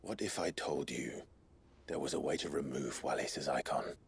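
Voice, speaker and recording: A man playing a grave, compassionate warrior in a video game drama, speaking in a slow, measured, gentle and hushed way. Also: rumbling low, animated, creaky, slightly rough, full character voice. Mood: grave, reassuring. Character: grave, compassionate male warrior easing a frightened child's burden.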